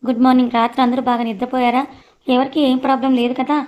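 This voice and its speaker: A woman's voice: sits high, level tone, fast, muffled recording, lightly acted. A woman voicing a commanding, scolding young woman boss in an audiobook story. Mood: bossy. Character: bossy, sharp-tongued young woman boss.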